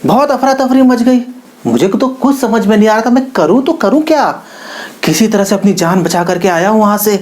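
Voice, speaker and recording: महिला द्वारा निभाया घबराया, पिटा हुआ आदमी. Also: female voice, mid-range voice, lively intonation, moderate pace, darkish tone, natural voice. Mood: flustered. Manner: panicky, exasperated storytelling. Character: battered frantic man, victim of a comma.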